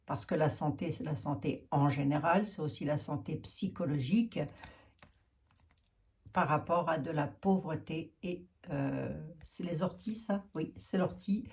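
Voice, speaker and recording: A woman's voice: low-pitched, darkish tone. A woman with a Lorraine French accent, reading cards and chatting frankly while thinking aloud with many fillers. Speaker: card reader. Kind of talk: casual card reading monologue.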